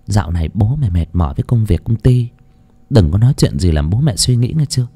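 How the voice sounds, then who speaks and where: A man voicing a caring middle-aged mother who advises gently and calls out urgently. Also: lowish voice, animated, fast talker, slightly rough. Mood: gentle. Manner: tender advice, then urgent calling.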